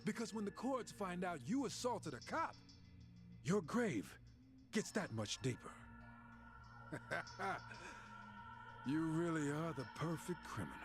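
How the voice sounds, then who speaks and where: A gloating crooked cop. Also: male voice, a little high, very animated, normal speed. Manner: mocking, gloating, taunting. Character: corrupt, sneering male police officer framing a suspect. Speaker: voice actor in a video game cutscene. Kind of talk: game dialogue acting. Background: game music score.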